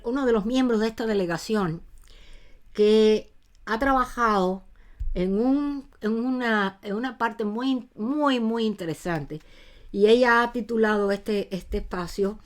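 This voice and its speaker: A woman hosting a program introduces a guest, correcting herself and pausing as she searches for words. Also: fairly high pitch. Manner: halting, self-correcting. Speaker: program host.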